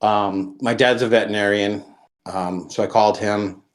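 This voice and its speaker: A man's voice: on the low side, fairly even intonation, moderate pace. A man, a podcast guest, telling a long story in a casual way, full of ums and restarts. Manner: rambling, with many ums and restarts.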